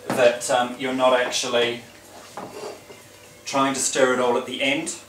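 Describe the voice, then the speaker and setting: A man playing a glamorous, genteel lady who hosts a home cooking demonstration with theatrical, drawn-out phrasing. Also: mid-range voice, level tone, noisy background, close to an everyday voice. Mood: poised, instructive. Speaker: cooking show host. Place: indoor home kitchen. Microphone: distant camera microphone. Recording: roomy kitchen, distant mic, clattering dishes.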